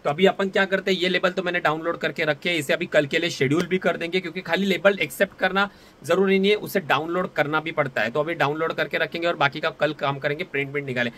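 A young man in his twenties speaks fast in a fairly high, steady, sharp-toned voice, filming himself on a phone held at arm's length. A vlogger and online seller, he chats casually to camera and says "bhai" constantly, both in a small indoor office room and outdoors on a street at night.

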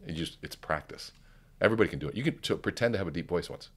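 In a podcast studio with curtains behind him, a middle-aged man wearing headphones talks into a close studio mic on a stand. His extremely low, resonant baritone is calm and slightly rough, and he uses deliberate pauses like a trained speaker coach during the conversational interview.

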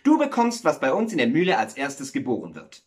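A man's voice: medium pitch, huge pitch swings, brisk. A man voicing a worried, luckless miller in a told fairy tale, blurting lines in a raised voice.

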